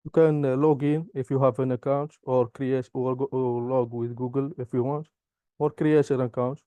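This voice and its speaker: Halting, dark-voiced man from Morocco. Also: medium pitch, level tone, clear, resonant tone, no room sound. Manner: halting non-native English, many "uh" pauses. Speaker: software engineering graduate. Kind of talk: interview answers and product demo.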